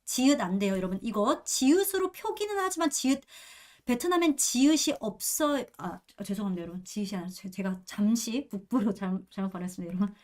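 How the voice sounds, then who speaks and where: A woman in her thirties teaching pronunciation in an online lesson, lively and playful, often repeating sounds slowly for her students. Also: mid-range voice. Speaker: Vietnamese language teacher.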